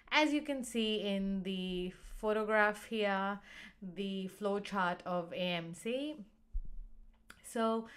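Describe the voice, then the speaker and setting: A woman from Uganda who hosts her own channel, explaining a career process in a clear, earnest and steady way. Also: medium pitch. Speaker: channel host and doctor coaching for medical exams. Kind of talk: explanatory talk to camera.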